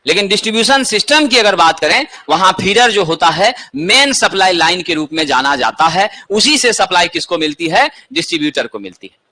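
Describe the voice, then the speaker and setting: A man's voice: high voice, sing-song, brisk, bright, forceful tone. A man teaching an exam-prep lesson, asking questions and answering them himself.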